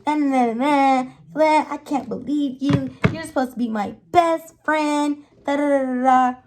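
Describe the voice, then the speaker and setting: A woman's voice: high-pitched, a little slow, noisy background, voice pushed up. A woman voicing an angry, jealous young female friend who sounds whiny and accusing.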